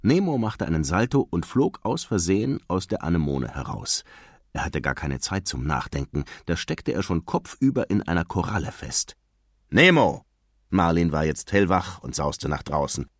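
A man narrating a children's storybook in an expressive, storytelling manner. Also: deep voice, moderate pace, no room sound. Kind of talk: storybook reading. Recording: dry close sound.

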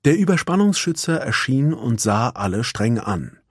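A man narrates a children's storybook with animated, expressive delivery. His pitch rises and falls in wide arcs. The voice is a little husky and dry, recorded close with no room sound. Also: moderate pace, dry recording. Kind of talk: storybook reading.

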